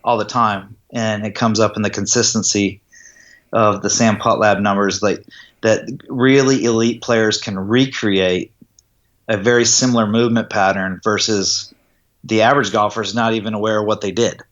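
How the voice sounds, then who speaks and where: A man's voice: on the low side, steady tone, normal speed, fairly bright tone, highs cut off. Man explaining golf putting instruction. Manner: explanatory, checks in with "does that make sense". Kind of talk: interview conversation.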